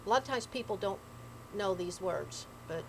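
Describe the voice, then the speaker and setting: A woman's voice: medium pitch, animated, normal speed, gravelly, a little mellow, slight background noise, rough recording. Appalachian woman storyteller, folksy and dramatic. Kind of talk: oral folk storytelling in dialect.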